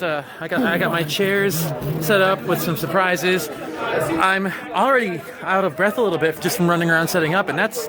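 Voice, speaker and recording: A young man, a rapper, talking casually and jokingly to the camera for his vlog. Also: high-pitched. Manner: joking, self-mocking. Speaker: rapper and vlogger.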